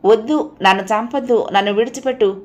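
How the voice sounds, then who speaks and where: A woman voicing a frightened, devoted family man shaken by a nightmare, pleading and agitated, her voice raised and louder. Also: fairly low pitch, fairly even intonation, moderate pace, lightly acted. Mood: fearful, pleading.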